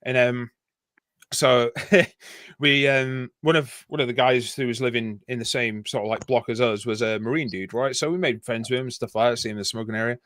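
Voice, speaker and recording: A man's voice: mid-range voice, steady tone, a little fast, fairly bright tone, no echo. A man with a Yorkshire accent telling a long, rambling anecdote in casual chat, laughing and swearing often. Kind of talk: casual storytelling.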